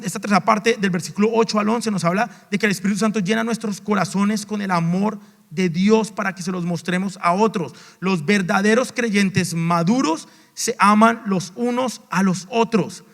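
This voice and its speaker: A male pastor preaching a sermon, swinging between raised emphatic lines and low asides, with restarts and repeated words. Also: a bit bright. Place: church sanctuary. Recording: long reverb of a large church hall.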